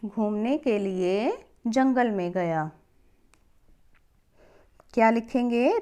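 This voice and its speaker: A woman teaching a lesson to young children, patiently repeating each question and answer for the class. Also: on the high side. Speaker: primary school teacher.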